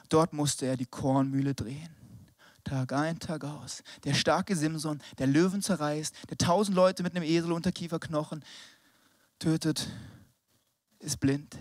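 High-voiced young preacher, whispers to shouts. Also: male voice, no room sound, clean studio sound. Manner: swings from hushed whispers to shouted exhortation; casual slangy German with English words mixed in. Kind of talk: lively youth sermon.

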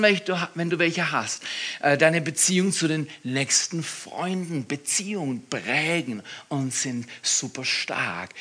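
A man preaching a sermon, swinging from loud emphatic bursts to hushed whispers. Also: on the high side.

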